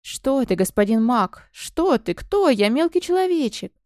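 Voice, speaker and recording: A fawning, snake-like male servant, as a woman puts him on hisses his words in a high, thin voice that stretches slowly. The voice sounds dry and close, read for an audiobook. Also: very animated, mellow, no room sound. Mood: wheedling. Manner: hissing, wheedling, drawn-out.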